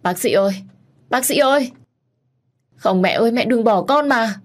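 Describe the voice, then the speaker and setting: A woman's voice: lowish voice, a little fast, a little mellow, breathy edge. A woman voicing a grief-stricken young pregnant woman who pleads through tears, in a storybook reading. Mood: pleading, sobbing. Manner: sobbing, pleading.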